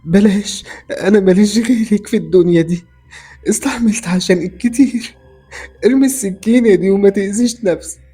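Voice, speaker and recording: A high, strained, pleading mother on the edge of tears, as a male storyteller puts her on. Her voice races and wavers with fear, with a dark, breathy tone. It belongs to a spoken horror tale. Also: a little fast, soft background music. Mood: pleading, tearful. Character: frightened tearful middle-aged mother.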